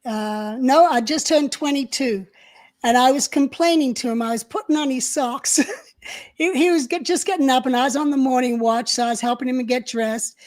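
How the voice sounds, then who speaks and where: High-voiced older woman reminiscing. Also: moderate pace, darkish tone. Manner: reminiscing, chatty with fillers. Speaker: co-host. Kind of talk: casual live-stream chat.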